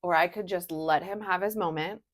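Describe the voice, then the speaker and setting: A woman's voice: fairly low pitch, fairly even intonation, moderate pace. A woman in her thirties, an ADHD coach, telling stories candidly in casual podcast chat. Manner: conversational, candid storytelling with many "like" fillers.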